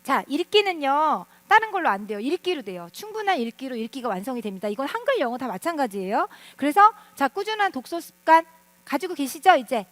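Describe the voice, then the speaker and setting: A woman teacher giving an animated lecture to parents, often asking the audience questions. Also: high voice, fairly quick, dry recording. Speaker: teacher speaking at a parent seminar.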